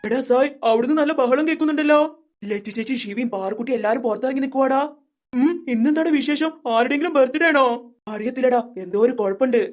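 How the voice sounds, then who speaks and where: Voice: high voice, fast talker, close to an everyday voice. A performer voicing a curious young boy in a comic family skit. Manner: chatty, curious. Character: curious young boys, neighbors.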